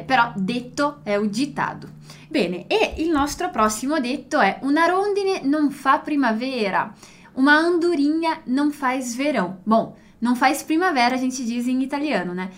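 Woman teaching Italian, slightly high. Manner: switches between Portuguese and Italian, repeats words slowly to model pronunciation. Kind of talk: language lesson explaining proverbs.

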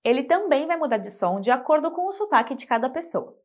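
Woman, lesson narration, bright high pitch, very lively intonation, careful demonstration. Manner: clear, slow model pronunciations of example words. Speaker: Spanish teacher. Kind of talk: scripted language lesson.

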